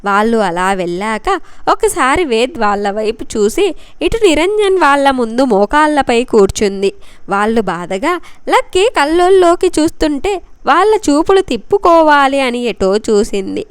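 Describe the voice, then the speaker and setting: A woman's voice: sits high, sing-song, normal speed, clean tone, no echo. A woman storyteller giving an emotive, dramatic narration of a love story.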